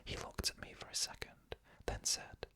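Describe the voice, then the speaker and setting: The voice belongs to an ASMR storyteller who softly whispers, without voicing, through creepy stories told in the first person. The pacing is slow and measured throughout.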